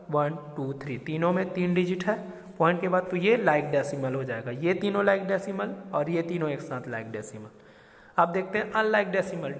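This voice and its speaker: A man's voice: sits high, creaky, a bit bright, in a large hall. A man teaching a school math lesson, explaining step by step and keeping the class on track with questions and a repeated "theek hai".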